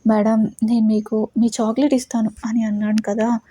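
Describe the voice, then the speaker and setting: A woman voicing a polite male head bodyguard who gently coaxes in a storybook reading. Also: a little high, little pitch movement, moderate pace, husky. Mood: coaxing. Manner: gentle coaxing.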